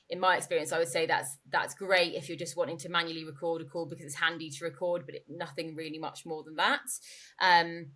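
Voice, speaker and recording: A woman with a deep, slightly bright voice is interviewed as a company expert, the company's growth director. She explains things informally and conversationally, rephrasing as she goes.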